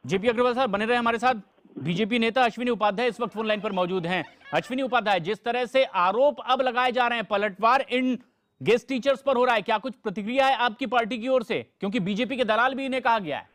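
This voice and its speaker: A man with a high-pitched voice anchors a live TV news broadcast. He introduces guests and asks pointed questions in a brisk, formal tone. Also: fairly bright tone.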